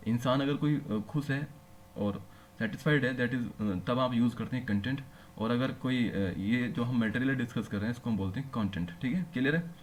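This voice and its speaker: A man at an ordinary middle pitch teaches a lesson, explaining each point patiently. He keeps turning to his listeners with quick questions to make sure they are following. A faint background noise runs under his voice. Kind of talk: classroom lecture.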